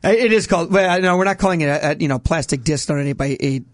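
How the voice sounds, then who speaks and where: High-voiced Minnesota man chatting. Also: quick pace, no room sound. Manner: chatty, laughing, self-deprecating. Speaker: hockey team guest. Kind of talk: casual radio chat.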